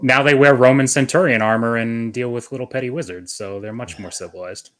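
A man's voice: mid-range voice, a little fast, a bit bright. A man hosting a livestream interview, asking questions in an easygoing, joking way. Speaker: podcast host.

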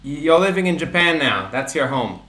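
A young man hosting a playful video-call chat, animated and teasing as he switches between languages. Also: a little high, moderate pace. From Australia. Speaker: YouTuber host. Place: home room with desk, indoors. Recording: echoey room with background noise.

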